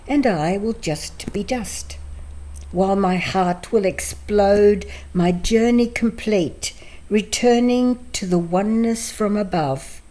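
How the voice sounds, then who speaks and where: An older woman from Greece, reading her own poem in a slow, measured way and then telling her life story as a guest in her home. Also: mid-range voice, warm tone, poor audio. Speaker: interview guest. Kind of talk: poetry reading and personal storytelling.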